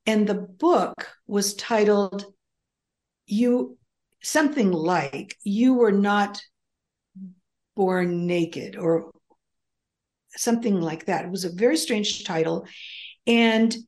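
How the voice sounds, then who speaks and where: An older American woman, a native Greek speaker, appears as an author and guest in a casual interview. Her mid-range voice has a darkish tone, and she speaks slowly with long pauses, rambling through frequent ums and restarts.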